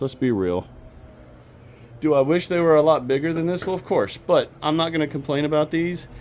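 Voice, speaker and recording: A man's voice: on the high side, darkish tone. A man hosting a casual backyard gardening vlog, chatty and practical, talking straight to his viewers. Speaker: home gardening channel host. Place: outdoors in a backyard garden, then indoors.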